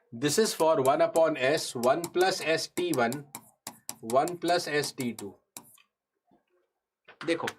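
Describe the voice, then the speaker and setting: The voice belongs to a man with a fairly high pitch and a fairly bright tone, an engineering exam lecturer with a North Indian accent. Teaching a live online class, he explains each point step by step, repeats key phrases, quizzes his students, and mixes Hindi with English.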